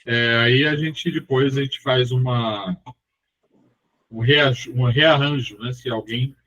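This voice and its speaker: Man, mid-pitched voice, friendly organizer of a meeting over a video call. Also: steady tone, slow pace, pushed and bright, muffled recording. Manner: friendly, brief affirmations. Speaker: meeting coordinator. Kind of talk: casual chat, organizing a meeting.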